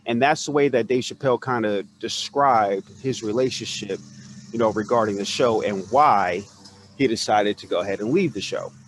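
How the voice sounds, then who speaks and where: Rambling low-voiced man telling a story. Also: moderate pace, a little hiss or hum. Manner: rambling retelling full of "you know" fillers; acts out quoted characters. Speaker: podcast host. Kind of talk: casual storytelling chat. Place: home, neighbor mowing outside.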